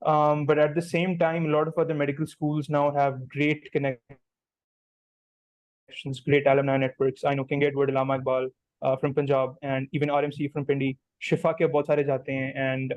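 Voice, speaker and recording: A man's voice: medium pitch, no echo, poor audio. A young man in his twenties with a Pakistani accent, a guest doctor talking casually and slipping Urdu phrases into his English. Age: 20s. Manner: mixes Urdu phrases into English, steady and measured. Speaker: guest, newly matched doctor. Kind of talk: casual conversational answers.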